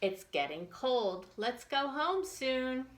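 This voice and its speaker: With a high, very animated voice and a slow pace, a woman reads a story aloud to young children at a library storytime. She keeps the phrases simple and turns to the little ones with questions and asides, over a faint hiss or hum.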